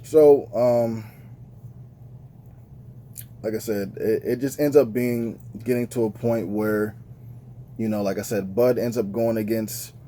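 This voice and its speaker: A man with a mellow, lowish voice reviews a film in loose, slangy talk, full of ums and "you feel me". A faint hiss sits under his voice. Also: fairly even intonation, takes it slowly, pauses often. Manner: laid-back slangy talk, many fillers. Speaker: movie reviewer. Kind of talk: casual movie review monologue.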